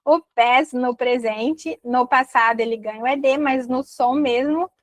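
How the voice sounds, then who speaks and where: Young Brazilian woman, English teacher, online lesson, animated, models pronunciation slowly, dry close sound. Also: high-pitched, dry recording, poor audio. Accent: Brazilian Portuguese. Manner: lively, explains slowly, models English words carefully.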